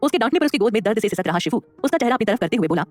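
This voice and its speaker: A woman narrating a dramatic audio story in a lively way, voicing the characters. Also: medium pitch, rapid-fire, no echo, faint music behind.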